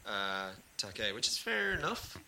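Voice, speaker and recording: A man's voice: lowish voice, very animated, measured pace, a crowd in the background, rough recording. A man hosting a film podcast, chatting casually with a blunt, dismissive, joking manner. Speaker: podcast host.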